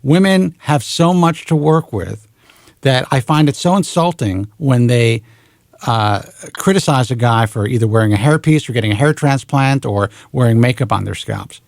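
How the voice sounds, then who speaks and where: A man's voice: medium pitch, normal speed, gravelly, a little mellow, no echo, studio quality. A man in his forties hosting a radio talk show, talking frankly and bluntly and swearing casually. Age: 40s.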